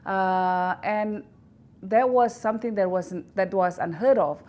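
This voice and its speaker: An Indonesian woman who directs an institute answers questions in a recorded news interview with an Indonesian accent. Her mid-range voice is a little mellow, and she speaks haltingly with many fillers and restarts.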